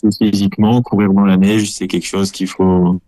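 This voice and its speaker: A man's voice: deep voice, level tone, normal speed, warm tone, no room sound. A man in his twenties from France, an ultra-trail runner answering interview questions with many hesitations and restarts. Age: 20s.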